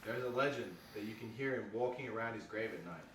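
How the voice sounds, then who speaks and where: A man's voice: lowish voice, quick pace, fairly bright tone, far from the mic, natural voice. A man playing a casual, slangy guy telling a spooky tale to friends at an amateur script table read. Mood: storytelling. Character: casual male storyteller spinning a spooky cemetery tale to friends. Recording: roomy, off-mic, faint noise.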